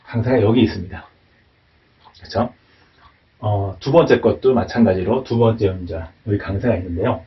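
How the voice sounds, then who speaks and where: A man's voice: on the low side, moderate pace, pauses often. A man teaching English pronunciation at a whiteboard, talking hesitantly with many fillers and tag questions. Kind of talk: whiteboard lecture. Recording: dull, distant mic.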